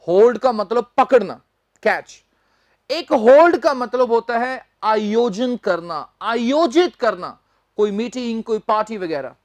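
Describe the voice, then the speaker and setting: Woman vocabulary teacher, slightly high, unhurried and deliberate, dry close recording. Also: no echo. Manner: slow, deliberate, spells words out letter by letter. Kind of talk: newspaper vocabulary lesson.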